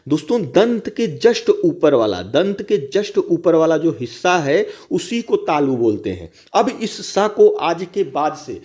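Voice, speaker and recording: A man teaching an exam-prep grammar lesson, explaining step by step, repeating his phrases and slowly sounding out syllables to demonstrate pronunciation. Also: fairly high pitch, darkish tone. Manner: explains step by step, repeats phrases, often addresses viewers as friends.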